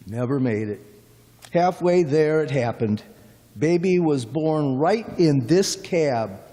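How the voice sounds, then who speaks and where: Radio play: man as middle-aged small-talking cab driver, folksy drawl, slightly high voice. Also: darkish tone. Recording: long hall reverb.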